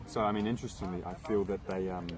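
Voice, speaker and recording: A man's voice: low-pitched, fairly even intonation, quick pace, a crowd in the background. A man giving casual, joking live commentary on a local cricket match outdoors at a cricket ground. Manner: chatty, joking.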